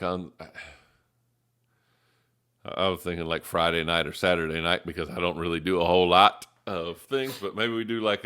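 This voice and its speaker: A man co-hosting a casual live review show, rambling with lots of fillers and quick bursts of laughter. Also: low voice, a bit bright, smooth. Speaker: co-host of a soda review show.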